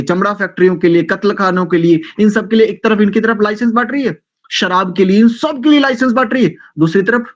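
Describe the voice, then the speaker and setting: A man's voice: sits high, lo-fi sound. A man teaching a scripture class, lecturing in a rhetorical, questioning way. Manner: rhetorical, questioning, acts out quoted excuses. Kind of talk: Hindi religious lecture.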